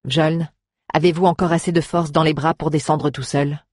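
Reader doing a calm, kind hero; husky, dry. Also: mid-range voice, normal speed, dry recording, lightly acted. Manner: calm, firm and reassuring. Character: steady, kind male magistel hero.

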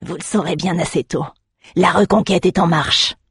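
A reader voicing a proud defiant captive. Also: male voice, sits high, steady tone, normal speed, fairly bright tone, breathy edge, no room sound, clean studio sound, exaggerated voice. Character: proud captive male outcast, defiant and mocking. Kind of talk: audiobook narration.

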